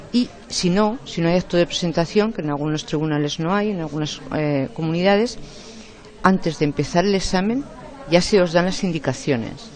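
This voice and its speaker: A man's voice: a little high, a little mellow. A man gives a classroom lecture to exam candidates, explaining things step by step and checking in often with short tags. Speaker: teacher coaching exam candidates.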